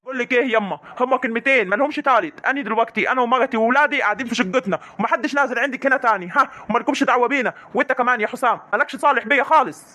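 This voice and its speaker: An angry young Egyptian husband, played by a man, demands answers in a high, rushing voice. The tone is bright and sharp. He stands up for his wife in a comic family drama. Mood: indignant. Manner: indignant, demanding.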